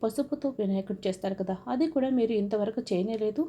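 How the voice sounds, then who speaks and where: A woman's voice: medium pitch, fast, warm tone, natural voice. A woman voicing a suspicious young man at a wedding, reading him plainly.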